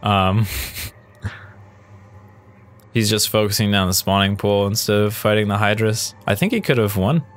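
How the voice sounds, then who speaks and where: A man's voice: lowish voice, unhurried, pauses often. A man hosting his gaming channel, casually commentating a replay of his own match, thinking aloud and answering viewer questions as he goes.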